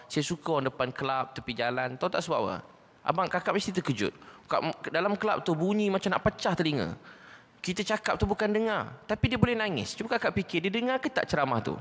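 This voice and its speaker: A man with a Malaysian Malay accent preaching a sermon, telling stories and climbing high in pitch to drive his points home. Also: fast talker. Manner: animated, rising to a high pitch when stressing a point. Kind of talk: sermon storytelling. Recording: long reverb of a hall.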